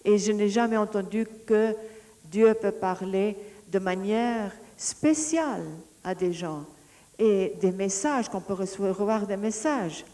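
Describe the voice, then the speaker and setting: A woman giving a personal testimony, telling her story in a lively way and often restarting her sentences as she searches for words. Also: mid-range voice, takes it slowly. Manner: lively storytelling, acting out the dialogue she recounts.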